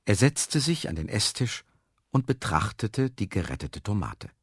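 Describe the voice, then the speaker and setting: Lively, husky-voiced male storyteller. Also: fairly low pitch, unhurried, no room sound, studio quality. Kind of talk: children's story reading.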